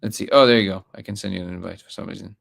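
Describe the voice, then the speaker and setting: A man's voice: deep voice, fairly even intonation, very fast, creaky, a bit bright. A man from Russia hosting a live stream, reading comments aloud and talking bluntly with frequent restarts.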